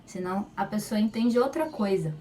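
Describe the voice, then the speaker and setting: A woman teaching Spanish pronunciation, modeling each sound slowly and repeating it loudly. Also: mid-range voice. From Brazil. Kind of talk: slow, deliberate pronunciation lesson. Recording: voice slightly far from mic, faint room noise.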